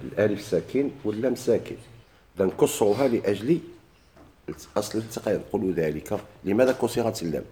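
A Moroccan man explains a grammar text to his class in a lowish, mellow voice. He keeps asking questions and answering them himself, and he repeats the key words. A faint hum sits behind him. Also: expressive, fast talker. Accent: Moroccan Arabic. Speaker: grammar teacher.

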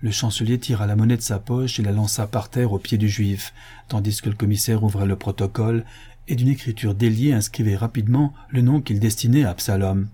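A man reading a story aloud as narrator, in a measured, expressive manner. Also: on the low side, breathy edge. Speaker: audiobook reader.

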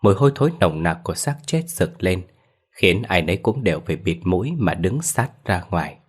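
A man's voice: deep voice, expressive, fairly quick, slightly rough. A man narrating a Vietnamese horror story in a grim, dramatic scripted style.

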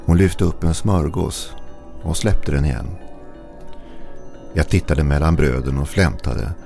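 Man, extremely deep, dark mellow tone, gravelly, hushed suspenseful horror narration, faint music behind.

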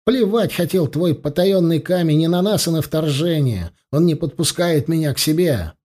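A man voicing a young male wizard who shouts in irritation. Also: a little high, expressive, normal speed. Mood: exasperated.

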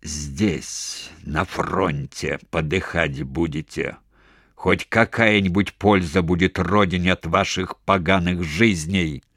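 A man's voice: low-pitched, steady tone, unhurried, hardly any pauses, no room sound, studio quality. A man voicing a hot-tempered army major who barks threats in a raised voice. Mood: menacing hush. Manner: shouting, sharp and menacing.

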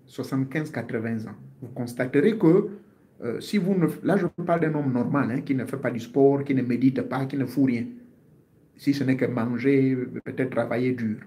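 A martial artist in his fifties, speaking in a mellow, medium-pitched voice, gives his viewers health advice. His monologue is earnest and informal, often repeating himself and searching for words.

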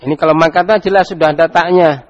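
Fast and steady in tone, with a fairly high pitch, this man is an Islamic teacher with an Indonesian Javanese accent. He teaches Arabic grammar, quizzing his students and prompting them to read aloud, and the recording is muffled.

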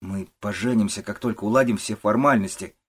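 A man's voice: on the low side, a little fast, a little hiss or hum, natural voice. A man doing a timid young bookkeeper. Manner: polite, soft-spoken. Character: timid young male bookkeeper, polite and nervous. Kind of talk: audiobook character voice.

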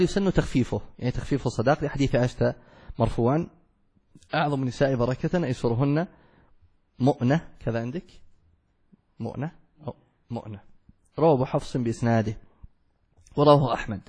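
A man's voice: mid-range voice, darkish tone, slightly rough. A man teaching a classical Arabic law text, explaining it step by step and asking and answering his own questions. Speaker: sheikh teaching a fiqh text. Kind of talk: classical Arabic study lesson.

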